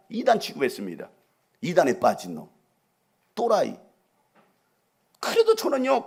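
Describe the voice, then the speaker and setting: A middle-aged man, a pastor, preaching a passionate sermon that swings from hushed storytelling to shouting climaxes. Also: high voice, vocal fry, slightly rough.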